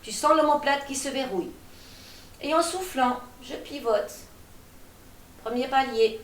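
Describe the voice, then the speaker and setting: A woman teaching a gentle gym class, calmly cueing breaths and movements while she demonstrates. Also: high-pitched, a little slow. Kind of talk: guided exercise class. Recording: echoey room, voice from a distance.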